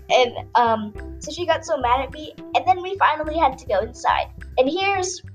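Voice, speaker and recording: A woman's voice: sits high, lively intonation, normal speed, soft background music. Rambling young woman telling a story. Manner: rambling, full of filler words. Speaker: podcast storyteller. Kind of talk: casual storytelling.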